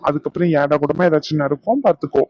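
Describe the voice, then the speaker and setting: A man's voice: fairly high pitch, fast talker, a little hiss or hum, lightly acted. A man voicing a young cartoon husband who teases and coaxes his wife affectionately, heard on a dull lo-fi recording. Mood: teasing. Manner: playful, teasing, coaxing. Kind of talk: animated cartoon voice acting. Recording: dull lo-fi sound.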